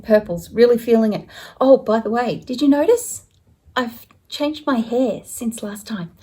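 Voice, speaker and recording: Unhurried chatty woman vlogging at home. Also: a little high, mellow, breathy edge. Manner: chatty and rambling, self-correcting. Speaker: stitching vlogger. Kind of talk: casual show-and-tell chat.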